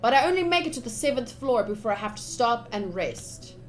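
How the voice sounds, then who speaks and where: A woman with a fairly high voice streams a visual novel. She reads the text aloud expressively and chats casually, with an excitable, playfully dramatic way of talking. Game music plays behind her. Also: brisk. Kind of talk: livestream playthrough, reading game text aloud with casual commentary.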